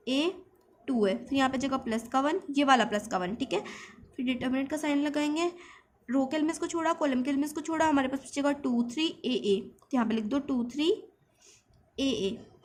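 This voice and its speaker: A woman's voice: sits high, darkish tone, a little hiss or hum. A woman teaching maths step by step in English, explaining patiently and checking in with her students. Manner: explains patiently, often checks in with "theek hai".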